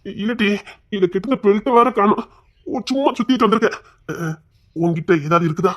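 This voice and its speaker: A man's voice: high-pitched, lively intonation, a little fast, a bit bright. A man acting a playful, teasing young man in a comic romance drama, stammering and joking in a Tamil accent. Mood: wheedling. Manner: teasing, stammering, mock-crying.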